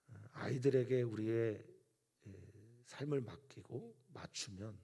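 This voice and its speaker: Husky low-voiced pastor, earnest and hushed. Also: male voice. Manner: earnest, dropping often into a soft whisper for emphasis. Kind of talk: dawn service sermon.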